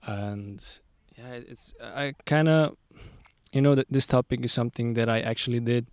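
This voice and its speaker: Man in his twenties, casual solo chat, level pitch, dry sound, lots of fillers. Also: normal speed, smooth, dry recording. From Zurich, Switzerland. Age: 20s. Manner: relaxed, rambling, many fillers and restarts. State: sweaty in the heat. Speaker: podcast host. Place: outdoors on a sunny hill.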